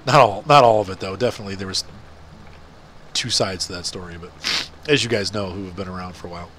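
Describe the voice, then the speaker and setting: A middle-aged gaming channel host with a stuffy, congested nose chats casually while playing a farming game. His voice sits low and a bit bright, he talks quickly, and there's slight background noise. The commentary rambles, with many fillers.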